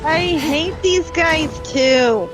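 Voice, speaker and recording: High-voiced, slow-talking woman streamer. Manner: halting, many fillers and restarts. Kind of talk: casual gameplay chat. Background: game music.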